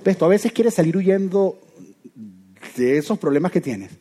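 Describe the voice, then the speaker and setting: A man preaching a sermon in a lively, conversational way, often asking his listeners rhetorical questions. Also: high-pitched, normal speed.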